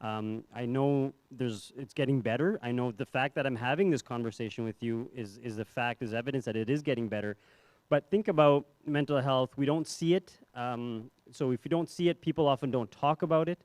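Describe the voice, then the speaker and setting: A young man gives a talk at a medical conference in an easygoing, self-deprecating way, filling it with ums and restarts. His voice sits at an ordinary middle pitch. The mic sound is dry and close, with no room echo. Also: a little fast, darkish tone. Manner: conversational, self-deprecating, many fillers and restarts. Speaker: psychiatrist giving a conference talk. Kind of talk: conference presentation. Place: hotel ballroom.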